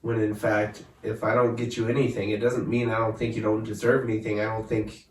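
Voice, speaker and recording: A man's voice: on the low side, little pitch movement, a little fast. A young man co-hosting a podcast, musing in long, dry, reflective thoughts. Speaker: podcast co-host. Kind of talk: casual chat. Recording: echoey room, mic at a distance.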